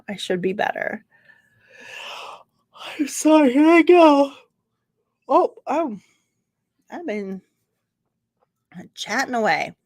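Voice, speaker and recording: A woman with a medium-pitched voice hosts a laid-back livestream in a room at home with computer screens. She rambles, responds to viewers by name, laughs a lot, and often leaves sentences unfinished. The sound is clean studio quality without echo.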